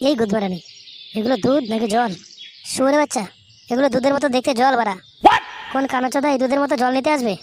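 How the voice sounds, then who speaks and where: Cartoon lead: voiced by a woman crude swindling milk seller, high, quick, noisy recording. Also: a little mellow. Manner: fast crude cursing. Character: foul-mouthed scheming male milk seller. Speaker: cartoon voice performer.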